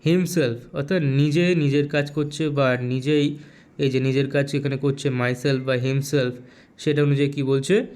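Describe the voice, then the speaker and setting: A man with a West Bengal Bengali accent teaching a grammar lesson, asking rhetorical questions and repeating key terms slowly. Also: on the high side, steady tone, a little mellow.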